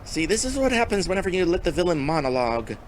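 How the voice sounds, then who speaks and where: A man's voice: high-pitched, sing-song, fast, a little hiss or hum. A man giving casual commentary as host of an indie game showcase.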